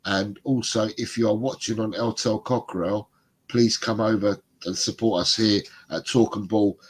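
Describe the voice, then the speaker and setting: This bunged-up middle-aged co-host of a football fan livestream chats and rambles through viewer comments, laughing often. His husky voice sits on the low side, with fairly even intonation and a moderate pace.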